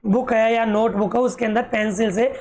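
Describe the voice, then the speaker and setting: A woman teaching a children's English poem, calling her young pupils fond pet names and dictating meanings slowly. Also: fairly high pitch, fairly even intonation, darkish tone. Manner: slow, spelled-out dictation of meanings.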